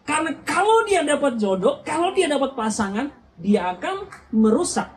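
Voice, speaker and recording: Young adult, youth retreat speaker, church sermon, very lively pitch, acts out scenes, quizzes audience. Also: normal speed, slight background noise, rough recording.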